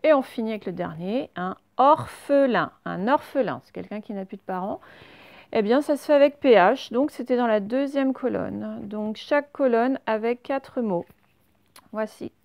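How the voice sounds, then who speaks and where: Une enseignante qui fait une leçon d'orthographe pour enfants, lente et patiente, qui répète chaque mot deux fois. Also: female voice, fairly high pitch, gravelly, darkish tone, no echo. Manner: slow, patient, repeats each word twice. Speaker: teacher. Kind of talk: spelling lesson read to children.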